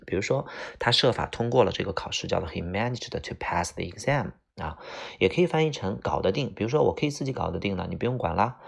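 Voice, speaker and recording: Deep gravelly-voiced male English teacher. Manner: explains slowly with frequent 啊 fillers. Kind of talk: vocabulary lesson.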